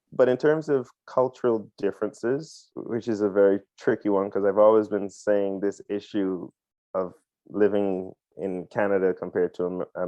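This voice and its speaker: A man's voice: lowish voice, dark tone, no room sound. A man from Barbados, a pilot telling his story as a podcast guest in a chatty way, full of ums and uhs. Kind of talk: casual interview answers. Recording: dull lo-fi dry sound.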